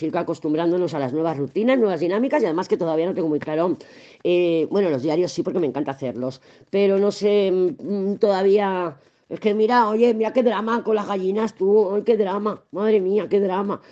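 With a Spain Spanish accent, a woman gives a casual tarot reading, chatting and rambling while swearing freely. She reads tarot and astrology, and her medium-pitched, mellow voice comes through on dull audio.

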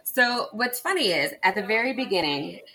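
A woman's voice: mid-range voice, lively intonation, moderate pace, sharp tone, poor audio. A woman hosting a casual book discussion, recapping the plot with enthusiasm and laughing often. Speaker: book podcast host.

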